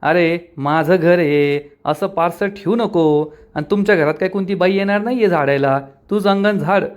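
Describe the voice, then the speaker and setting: A man's voice: high voice, normal speed, natural voice. A man voicing a spiteful middle-aged aunt who scolds and curses. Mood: scolding. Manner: scolding, taunting.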